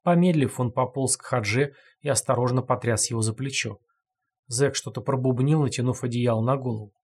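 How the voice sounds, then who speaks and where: A man narrates a dark story in a measured audiobook reading. His voice sits at a middle pitch and has a husky, breathy grain.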